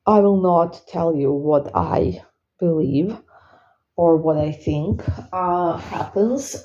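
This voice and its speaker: A non-native English-speaking woman with a slight lisp from wearing retainers, talking off the cuff and haltingly to her followers, searching for words. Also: fairly low pitch, warm tone, highs cut off. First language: not English. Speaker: spiritual reader and spellworker hosting a Q and A. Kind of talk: unscripted casual monologue to followers.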